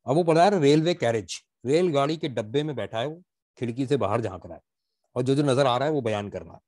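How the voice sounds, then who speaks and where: A man with a Pakistani accent teaching literature in an online class, mixing English into his explanations, asking questions and answering them himself, and reading verse slowly with a rhythmic stress. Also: mid-range voice, lively intonation, a little mellow, no room sound, clean studio sound. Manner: explains in Urdu mixed with English, asks and answers own questions.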